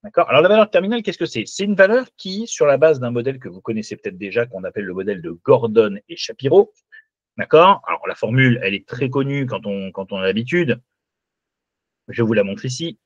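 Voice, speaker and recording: A man's voice: mid-range voice, fairly quick, slightly rough, no echo, lo-fi sound. A man teaching a live online class who walks through a spreadsheet and keeps asking "d'accord?" to check the students are following. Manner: lively, checks in often with "d'accord?". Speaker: finance teacher.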